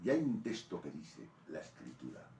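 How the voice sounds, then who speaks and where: A man with a Spanish accent from Spain, preaching a sermon in an animated storytelling way. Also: a bass voice, normal speed, gravelly. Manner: animated storytelling preaching, rising to loud peaks. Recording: roomy echo from a distant mic.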